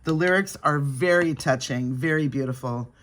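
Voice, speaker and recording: A woman chatting casually to her viewers while doing her makeup, laughing often and dropping into soft asides. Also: low voice, moderate pace, slight background noise. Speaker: makeup vlogger. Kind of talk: casual makeup vlog chat.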